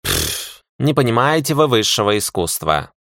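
A man's voice: mid-range voice, very animated, normal speed, creaky, fairly bright tone, dry recording, studio quality. A man voicing a rude, centuries-old male talking cat in an audiobook, haughty and sarcastic. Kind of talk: audiobook character voice.

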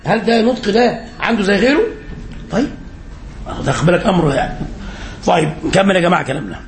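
A man with an Egyptian accent teaching an Islamic lesson as a sheikh, quizzing his listeners and repeating phrases for emphasis. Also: high voice. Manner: quizzing listeners and filling in answers.

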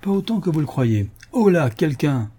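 A curt, imperious soldier-tsar voiced by a male narrator in a storybook reading. His voice sits above the narrator's own, dark and husky. He speaks in short, commanding bursts. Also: medium pitch, moderate pace, voice pushed up, close to an everyday voice. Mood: impatient, commanding.

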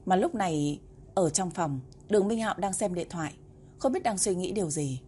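A woman narrating a novel as an audiobook in a steady, even storytelling manner. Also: lowish voice, moderate pace, slight background noise.

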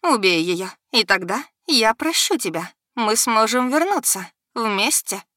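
A woman's voice: on the high side, expressive, measured pace, bright, forceful tone, no echo, studio quality, voice pushed up. A woman voicing a proud, vengeful goddess who hisses in fury. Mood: hissing fury. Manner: hissing, furious.

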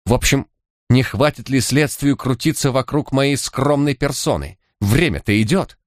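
A man's voice: medium pitch, animated, moderate pace, no room sound, clean studio sound, pitched above the performer's own voice, lightly acted. A man reading an audiobook voices a bitter, indignant suspect who complains in a peevish, thin voice. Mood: angry, indignant.

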